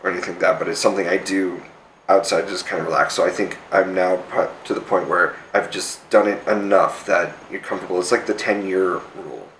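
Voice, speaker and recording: A man's voice: low-pitched, steady tone, brisk, fairly bright tone, roomy sound, a little hiss or hum, poor audio. A man hosting a podcast, talking casually and rambling a bit about theater as a hobby. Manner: loose and rambling, with fillers. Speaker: podcast host. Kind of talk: casual chat.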